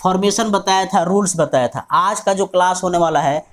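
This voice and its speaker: A man's voice: sits high, normal speed. A man with an Indian English accent, teaching an online English lesson in Hindi mixed with English. He spells words out letter by letter and repeats his questions to the class.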